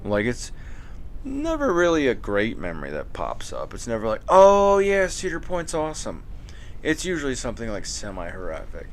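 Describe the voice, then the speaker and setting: A man's voice: medium pitch, huge pitch swings, normal speed, slight background noise. A man hosting a casual late-night chat, rambling and joking with a profane, loose way of talking.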